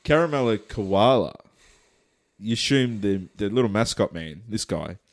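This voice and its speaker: Co-host, male, low voice, playful teasing delivery, laughs a lot. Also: expressive, normal speed. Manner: joking, teasing, laughs often. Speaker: podcast co-host. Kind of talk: casual comedic chat.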